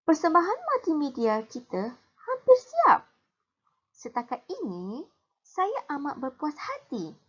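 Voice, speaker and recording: A Malaysian woman reading the part of an upbeat schoolgirl in a bright read-aloud voice, in a Malay accent. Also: high voice, huge pitch swings, slow, highs cut off, voice pushed up, full character voice. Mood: pleased. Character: upbeat schoolgirl pleased with her project.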